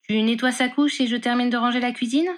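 A woman voicing a blunt, sharp-tongued young woman in a storybook reading. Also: mid-range voice, fairly quick, lightly acted. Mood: fond. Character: blunt teasing young woman, Ron's sister.

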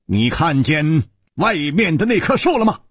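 A male storyteller voicing a suave, calm male hero swordsman who speaks with easy, smiling confidence in a radio story. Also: on the high side, unhurried, breathy edge, dry recording, studio quality, pitched above the performer's own voice, heavily acted. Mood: easygoing. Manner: smiling, easygoing.

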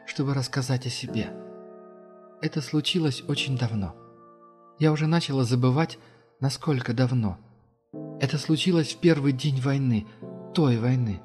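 A hushed, sorrowful ancient being in a little girl's body, played by a male narrator in an audiobook. She speaks quietly and slowly, a touch above the reader's own pitch, and sinks almost to a whisper. Her tone stays calm, weary and sad. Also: in a large hall, close to an everyday voice.

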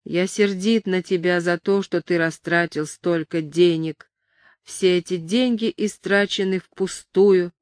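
A feeble old mine owner, as a woman puts him on, suspicious and whining. He drags out his words slowly and sounds muddled, in a dry storybook reading. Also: on the low side, steady tone, a little mellow, no room sound, close to an everyday voice. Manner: slow, whining, muddled speech.

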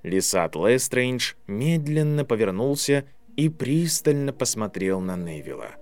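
A man narrating an audiobook in a measured storytelling voice. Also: medium pitch, big pitch swings, darkish tone, no room sound, soft background music. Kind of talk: scripted narration.

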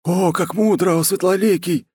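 Cowering army chief, shrill and hysterical, servile; male narrator putting him on. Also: fast talker, darkish tone, husky, dry recording, studio quality. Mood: frantic. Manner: frantic, wailing, servile. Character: terrified grovelling male military commander.

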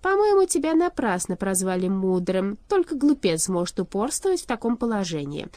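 A lordly shadow king, as a woman narrator puts him on, cold and gloating in a storybook reading. He talks slowly and loudly, with a pitch that swoops up and down. The tone is mellow, in a dry, close room. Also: sing-song, no room sound, lightly acted. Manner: slow, loud, lordly.

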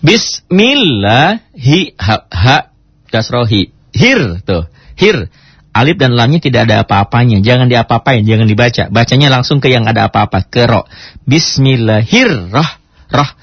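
A male recitation teacher leading a tajwid lesson. He speaks with a Jakarta Indonesian accent, and he patiently drills syllables slowly, jumping up high on the sounds he is teaching. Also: gravelly, breathy edge, dry recording. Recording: dull dry lo-fi radio recording.

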